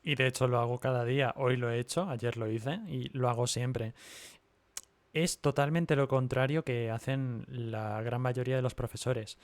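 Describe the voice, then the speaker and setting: A male primary school teacher, calmly reasoning through his point in a livestream conversation. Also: mid-range voice, normal speed, dry recording. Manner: calm, reasoned explaining with animated quoted voices.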